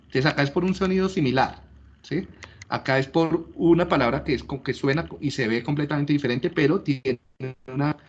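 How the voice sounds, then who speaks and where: A man's voice: a little high, breathy edge, muffled recording. A man giving a classroom lecture, explaining step by step and often checking that listeners follow. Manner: explanatory, checks understanding with frequent rhetorical questions.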